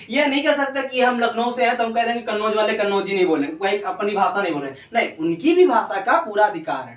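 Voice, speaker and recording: Young male tutor, casual and chatty, recorded from a distance in a roomy space. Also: high-pitched. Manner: casual, chatty, keeps asking "ठीक है", jokey examples. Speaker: teacher. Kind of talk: explaining a civics lesson. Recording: echoey room, voice from a distance.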